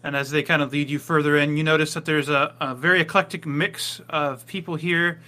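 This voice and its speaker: A man's voice: on the high side, steady tone, brisk, pushed and bright. A man narrating a tabletop game as game master, improvising loosely with lots of ums and uhs.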